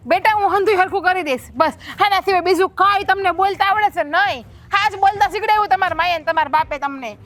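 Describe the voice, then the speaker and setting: A sharp-tongued scolding wife. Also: female voice, very high-pitched. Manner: taunting, scolding, mocking her husband. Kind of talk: village family drama.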